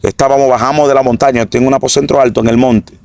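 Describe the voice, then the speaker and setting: A middle-aged man giving an earnest, halting religious testimony that repeats phrases. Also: medium pitch, steady tone, a little mellow, dry recording. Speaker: former drug trafficker giving testimony.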